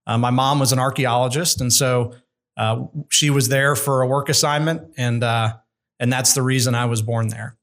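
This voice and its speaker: An American construction executive, a middle-aged man, appears as a podcast guest in a conversational interview. He's calm and measured, candid and thoughtful in how he puts things, and his voice sits at an ordinary middle pitch for a man.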